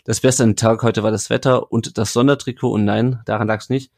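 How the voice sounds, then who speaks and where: A man's voice: mid-range voice, fairly even intonation, fairly quick, darkish tone. A man hosting a casual football podcast, chatting with his co-hosts and reading listener comments aloud. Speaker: podcast host.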